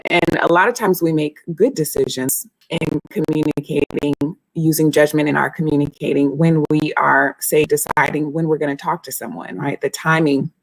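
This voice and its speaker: A woman talks informally to her live stream audience, working through her points aloud. The voice is a bit low for a woman, with noticeable fry and a conversational delivery. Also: no room sound, rough recording. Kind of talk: casual informal explaining to live viewers.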